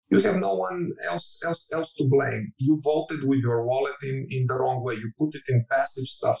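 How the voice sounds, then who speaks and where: A man's voice: medium pitch, creaky, echoey room, distant mic, poor audio. A man, a venture fund partner, speaking earnestly and persuasively in a podcast interview. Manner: earnest, persuasive, appealing to listeners.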